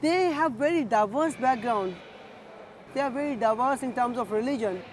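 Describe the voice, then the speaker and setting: A young man from Pakistan, a human rights activist, giving deliberate interview answers outdoors. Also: extremely high pitch, a little hiss or hum. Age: young adult.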